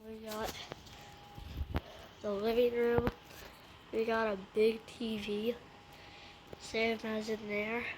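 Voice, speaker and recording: Inside a house, someone who sounds like a woman or a youngster rambles informally in a casual handheld vlog with an improvised skit, made by an amateur creator. The medium-pitched delivery is completely flat and slow, with long pauses. The home recording is amateur and noisy.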